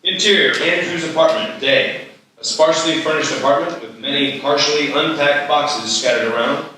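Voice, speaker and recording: Reading stage directions aloud during a live screenplay table read, a man speaks at normal speed in a rather high, sharp voice. The mic is far away, and the hall echoes heavily.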